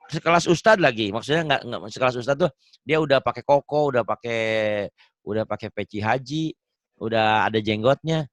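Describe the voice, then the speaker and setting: An Indonesian Quran reading teacher gives a one-on-one online lesson, patient and jokey, sprinkling in anecdotes. His voice sits in the mid-range, captured with a dry, close-miked sound.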